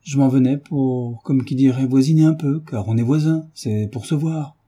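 A man with a husky, dark voice voicing a jovial, folksy old noblewoman. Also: medium pitch, fairly even intonation, normal speed, natural voice. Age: older. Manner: folksy, familiar, rambling. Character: homely, jovial old female marquise.

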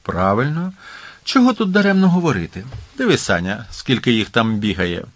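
A cheeky teenage boy in an audiobook, smug and teasing, as a male narrator reads him. His lively voice swings up and down, and the sound is dry and close. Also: mid-range voice, moderate pace, no echo.

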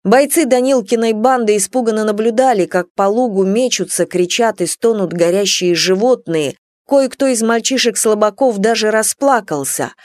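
A woman narrating an audiobook in a measured, dramatic storytelling manner. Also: mid-range voice, darkish tone, no echo, studio quality.

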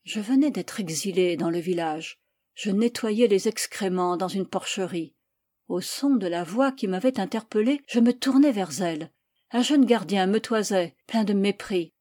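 A woman narrates a first-person novel in a calm, measured way. Her pitch sits mid-range for a woman. The recording is dry and close, with no echo. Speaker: audiobook reader.

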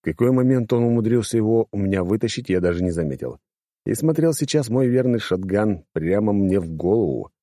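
Brief: male audiobook reader, low, mellow-dark voice, brash delivery, dry close sound. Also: a little fast, dry recording. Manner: brash, coarse, lively narration. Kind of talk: first-person audiobook narration.

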